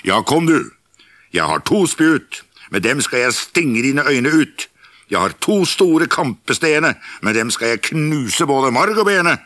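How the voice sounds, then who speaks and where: Man playing a gruff, loud, fierce big billy goat. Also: mid-range voice, very animated, dry recording, clean studio sound, pitched above the performer's own voice, exaggerated voice. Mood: bold defiant. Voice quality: coarse, gruff.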